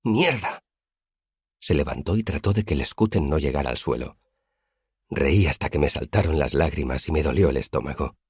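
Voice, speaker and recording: A man narrating an audiobook in a measured storytelling manner. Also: very deep voice, animated, a little mellow, slightly rough, dry recording, studio quality.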